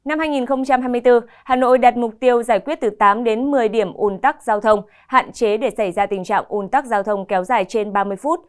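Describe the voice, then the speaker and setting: A young woman anchoring the news in a TV studio with a crisp, formal delivery. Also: a little high, fast, few pauses.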